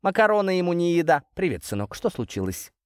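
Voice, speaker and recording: A man voicing a fussy, worried older mother who scolds and frets in a high, exclaiming voice. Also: sing-song, fast talker, smooth, no echo, clean studio sound. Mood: scolding.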